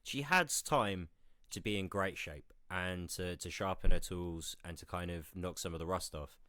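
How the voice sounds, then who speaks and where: Man, low voice, hungover, casual sports podcast, searching for words, sweary, dry close sound. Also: normal speed, pushed and bright, no echo. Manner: sweary, informal. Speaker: podcast co-host.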